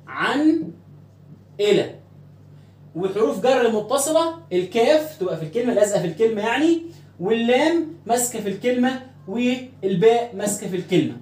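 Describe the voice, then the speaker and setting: A man who speaks with an Egyptian Arabic accent, teaching an Arabic grammar lesson. He drills words slowly and asks questions that he answers himself. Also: sits high, darkish tone, reverberant.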